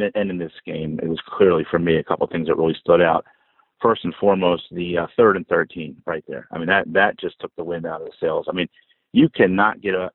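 Husky American man calling from a rainy car. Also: deep voice. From New Jersey, United States. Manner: conversational, emphatic, addressing listeners directly. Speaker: podcast caller. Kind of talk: fan voicemail commentary on football. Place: inside a car in the rain. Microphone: phone call. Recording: roomy, narrow phone-line sound. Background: rain falling on the car.

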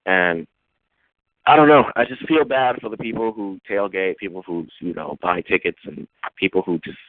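Man, radio show caller, from Houston, phone line, sighing, rambling, deep voice. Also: moderate pace, no room sound. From Houston, Texas. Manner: sighing, rambling fan lament. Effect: call-in phone line. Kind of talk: casual call-in talk.

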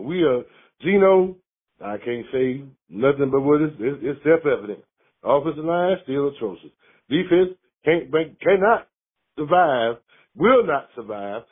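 A caller from Mississippi with a drawl, heard through a thin, narrow phone line. He rants in an angry, profane, worked-up torrent. His voice is slightly husky and mid-pitched. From Mississippi, USA. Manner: angry, profane, fired-up ranting. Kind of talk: call-in sports rant.

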